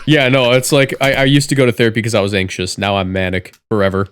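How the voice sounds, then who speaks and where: A young man co-hosting a podcast, rambling through casual chat with lots of filler words and deadpan jokes. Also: fairly low pitch, fast, smooth. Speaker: podcast co-host.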